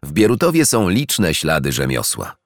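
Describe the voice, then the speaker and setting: A man's voice: extremely low pitch, wildly swooping pitch, normal speed, no room sound, clean studio sound, heavily acted. Man doing a friendly chatty dog guide. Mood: guiding. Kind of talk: storybook character voice.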